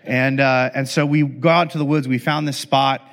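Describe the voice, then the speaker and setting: A man's voice: mid-range voice, steady tone, moderate pace, fairly bright tone. A middle-aged man, a pastor, telling a funny family story in a sermon, talking casually with many fillers and restarts. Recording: long hall reverb.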